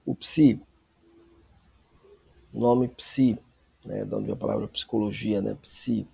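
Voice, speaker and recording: A man teaching a Greek lesson, explaining slowly and checking in with frequent tag questions. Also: on the low side, huge pitch swings, vocal fry, warm tone, slightly rough. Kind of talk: classroom lesson.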